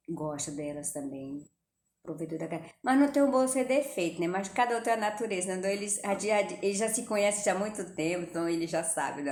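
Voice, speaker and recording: A middle-aged woman with a Brazilian accent talks to her viewers in a casual, chatty way, her voice sitting a little low. She speaks straight to the audience and sprinkles in religious phrases. The recording is echoey, with a faint hum of room ambience behind her. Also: a little mellow. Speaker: vlogger. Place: home kitchen.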